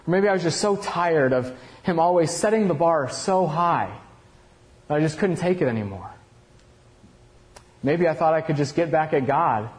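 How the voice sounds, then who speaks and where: A man's voice: medium pitch, darkish tone, lightly acted. A man playing Cain in a first-person dramatic monologue, telling his story in a confessional, reflective way. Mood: brooding. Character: Cain, aging regretful male murderer looking back.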